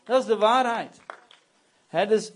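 A man preacher delivering a sermon in an earnest, emphatic, conversational way, often tagging his points with a quick question. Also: high voice.

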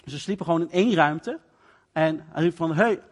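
A man's voice: on the high side, moderate pace. A male preacher giving a sermon in a conversational, explanatory way, acting out the parts of the story. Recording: long reverb of a large hall.

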